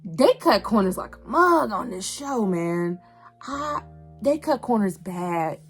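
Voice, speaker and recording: A young adult woman with a medium-pitched voice speaks slowly, offering casual commentary as a YouTube host reviewing an animated series. Her delivery is animated, slangy, and conversational, and she often repeats phrases for emphasis. Background music plays behind her.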